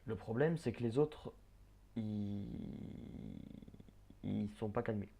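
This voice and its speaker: A man giving casual gameplay commentary, chatting, swearing and muttering quick orders at the characters on screen. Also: on the low side, creaky, mellow, slight background noise. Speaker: let's play gamer.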